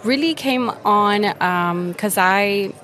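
A woman's voice: mid-range voice, slow pace, a bit bright. A young woman from Venezuela, a guest on a podcast, explaining retirement investing eagerly with plenty of fillers, recorded on a busy conference floor. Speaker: guest, retirement account specialist. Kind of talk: conversational interview.

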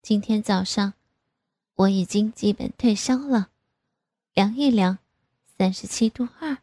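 Woman reading a story out, soft n even, kinda husky, super dry close sound. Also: medium pitch, unhurried, no echo. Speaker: narrator. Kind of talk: first-person story narration.

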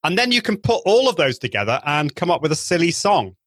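A man's voice: a little high, sing-song, fast talker, fairly bright tone, no echo. A man giving an interview as a live video trainer, explaining enthusiastically with many restarts, with a trained singer's voice. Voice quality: trained singing voice. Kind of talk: interview over a call.

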